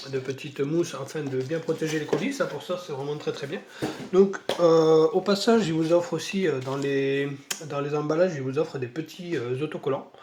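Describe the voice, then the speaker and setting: A man's voice: a little high, background noise. A French-speaking man unboxing model paints in a casual video, talking through a stuffy nose from a cold, hesitant with many fillers. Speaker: model-kit hobby vlogger.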